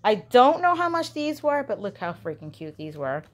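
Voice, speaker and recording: A woman's voice: a little high, sing-song, moderate pace. Chatty woman gushing over a shopping haul. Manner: chatty and gushing, frequent giggles. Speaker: vlogger. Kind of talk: casual shopping haul chat. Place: home, indoors.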